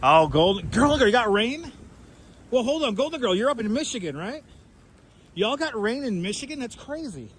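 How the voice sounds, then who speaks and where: Out on the street at night, a man hosts a live stream, chatting casually and greeting viewers by name through a wireless clip-on mic. His very high, sing-song voice moves at normal speed over slight background noise.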